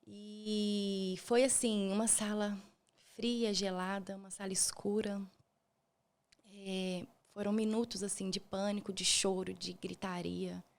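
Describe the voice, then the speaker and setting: A Brazilian woman recounts a personal story as a podcast guest, speaking softly and haltingly. Her voice is gravelly with fry, sitting at an ordinary middle pitch. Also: steady tone. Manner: soft-spoken, halting, emotional retelling.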